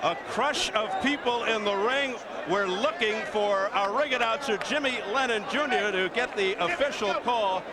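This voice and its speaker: High-pitched male boxing host over roaring crowd. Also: normal speed. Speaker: play-by-play boxing broadcast host. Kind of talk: live sports commentary. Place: ringside at a boxing arena. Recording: loud arena crowd noise behind.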